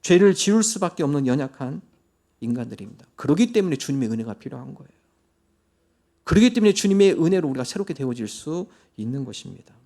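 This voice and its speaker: Male pastor, high voice, earnest church sermon that slows for prayer and readings. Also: very animated, warm tone. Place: church sanctuary.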